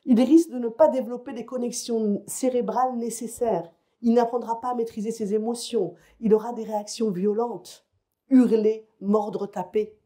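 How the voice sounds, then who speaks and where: Speaking to parents at a conference, this female psychologist keeps things conversational and frequently checks in with listeners. Her voice is a little high, steady and dark in tone, at a moderate pace, in a lecture hall or conference room.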